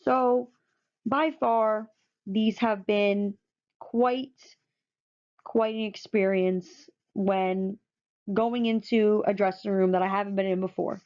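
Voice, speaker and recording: A woman's voice: mid-range voice, fairly even intonation, slow pace, a little mellow. A woman narrating a photo presentation, enthusiastic and often repeating words for emphasis. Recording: dull lo-fi recording.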